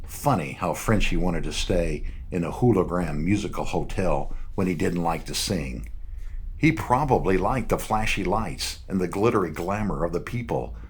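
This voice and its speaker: A man with an extremely deep voice narrates a noir audiobook. He reads in a measured, dry storytelling manner. A faint noise sits under the recording. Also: animated.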